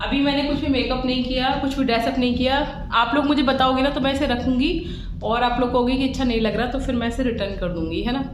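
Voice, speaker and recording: A woman vlogger chatting casually to her viewers while unboxing something at home. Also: a little high. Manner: chatty, addresses viewers directly. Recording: echoey room with background noise.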